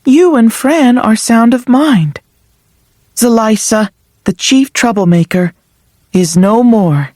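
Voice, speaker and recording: A woman voicing a calm ancient female spirit who speaks in a measured, formal way. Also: fairly high pitch, no room sound, studio quality, pitched below the performer's own voice. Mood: solemn.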